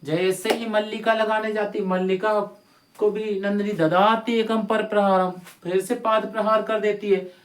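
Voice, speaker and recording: A man's voice: sits high, little pitch movement, measured pace, reverberant, a little hiss or hum. A man teaching a lesson as a story, now and then singing and acting out the characters, speaking to his students as children. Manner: sings, acts out characters, addresses students as beta.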